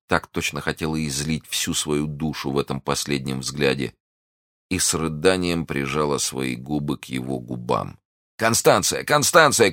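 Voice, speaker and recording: A man narrates a classic novel in a dramatic audiobook reading. His voice is very deep and expressive. The sound is dry and close. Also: no echo.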